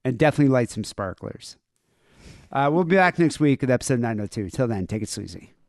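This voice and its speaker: A man's voice: mid-range voice, animated, a little fast, heavy background noise. A man hosting a podcast in casual, rambling chat with lots of fillers. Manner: laid-back, rambling with fillers. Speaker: podcast host.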